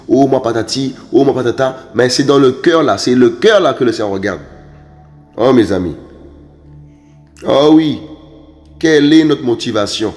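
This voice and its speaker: Male preacher, fervent sermon delivery, stammers and repeats, sudden high outbursts, soft music under him. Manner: emphatic, repetitive, frequent stammered restarts; rises to sharp high exclamations.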